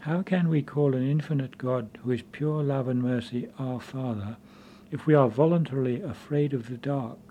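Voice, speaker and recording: A man giving a measured, earnest spiritual conference talk as a preacher. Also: medium pitch, warm tone, a little hiss or hum.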